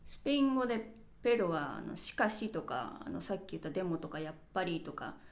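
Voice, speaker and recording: Lively, animated Japanese woman podcaster. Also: fairly low pitch, fairly quick, creaky. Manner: chatty, self-reflective, explains with examples. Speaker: podcast host. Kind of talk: casual solo podcast talk. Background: birds chirping.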